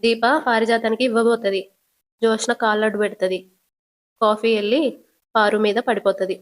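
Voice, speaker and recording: Woman narrating a serial recap, fairly high-pitched. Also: level tone, moderate pace. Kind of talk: storytelling recap.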